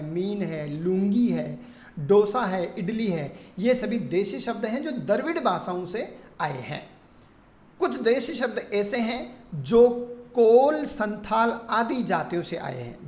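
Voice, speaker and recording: A woman teaching a grammar lesson, explaining terms and reading long word lists in a steady teaching tone. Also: mid-range voice. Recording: echoey room.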